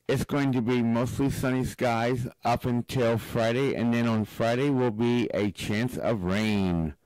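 A man giving a casual weather report in a plain, unhurried way. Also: medium pitch, a little mellow, no echo, poor audio. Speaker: weather presenter.

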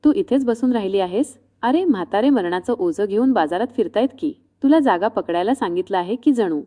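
A woman's voice: medium pitch, animated, fairly quick, mellow, lightly acted. A woman voicing a brusque village man who scolds a girl at the market. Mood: scolding.

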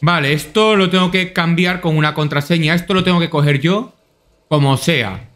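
A young man with a Spanish accent from Spain commentating his gameplay to himself, excitable and swearing freely. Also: a little high, normal speed. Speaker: gameplay streamer.

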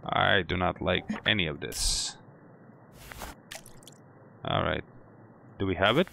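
A man's voice: sits low, takes it slowly, creaky, pushed and bright, a little hiss or hum. A man hosting a horror game playthrough, jumpy and swearing, talking to himself and to the game as he plays. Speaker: gaming channel host. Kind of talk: let's play commentary.

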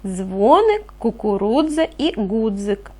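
A woman teaching a reading lesson to young children, speaking clearly and patiently, asking them questions as she goes. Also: medium pitch, very animated, slow, dark tone. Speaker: primary school teacher.

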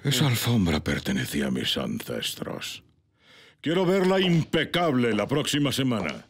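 A man's voice: medium pitch, wildly swooping pitch, moderate pace, slightly rough. A man voicing a haughty, scheming royal flamingo in a cartoon, pompous and imperious. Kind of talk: animated series villain acting.

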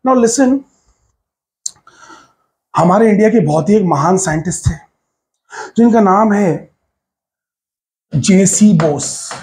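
A man's voice: high voice, animated, slow pace, long pauses, a little mellow. Emphatic man teaching physics. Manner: emphatic, repeats key words, coaxing. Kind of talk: whiteboard physics lesson.

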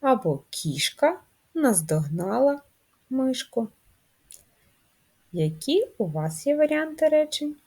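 Slow, lively-voiced schoolteacher woman. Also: high-pitched, slightly rough. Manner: slow, drawn-out, sing-song teacher talk. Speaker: primary school teacher. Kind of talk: first-grade literacy lesson.

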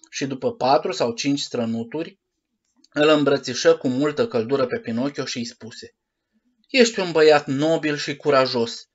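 Man narrating a storybook, lo-fi. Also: medium pitch. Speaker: audiobook narrator.

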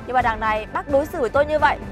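A woman's voice: sits high, very fast, faint music behind, natural voice. A young actress playing a blunt, defiant young woman who answers back firmly and coldly. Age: young adult. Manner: blunt, cold, firm retorts.

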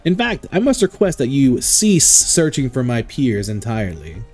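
A man voicing a calm male archangel in a video game, formal and measured. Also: medium pitch, faint music behind. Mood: lofty.

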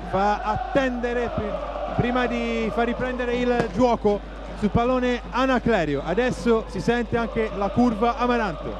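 Male play-by-play football commentator, high voice, working over a clearly audible crowd. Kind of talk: live football match commentary. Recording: noisy stadium broadcast with crowd. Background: stadium crowd noise.

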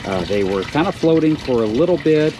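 This is a casual tour of a farmer's aquaponics tanks, explained bit by bit with frequent pauses and filler "uh"s. His voice sits on the high side and is expressive. A wearable camera picks it up outdoors, giving noisy audio with running water audible behind him.

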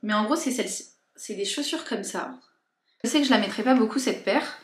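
A woman's voice: on the high side, a little fast. A young woman chatting casually in a haul and unboxing vlog, informally and hesitantly, thinking aloud as she goes. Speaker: lifestyle and beauty vlogger. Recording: echoey room.

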